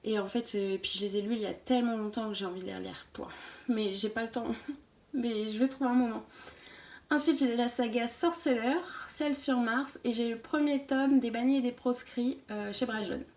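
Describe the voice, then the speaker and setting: A woman's voice: a little high, fairly even intonation, moderate pace, a little mellow, roomy sound. A young woman giving a casual, chatty tour of her bookshelf, with many fillers. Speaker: book vlogger.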